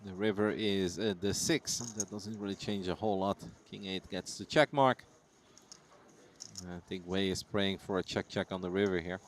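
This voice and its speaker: A man's voice: low-pitched, fairly even intonation, moderate pace, a little hiss or hum. A man commentating on live poker in a casual, chatty, jokey and teasing way.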